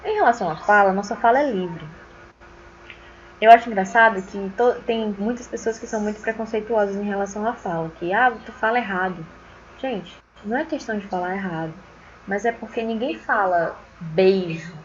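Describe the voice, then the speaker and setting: Woman teacher, Acre accent, chatty and opinionated, mid-pitched, slightly muffled lo-fi audio with faint noise. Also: a little fast. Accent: Acre Brazilian Portuguese. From Acre, Brazil. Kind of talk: casual online lecture.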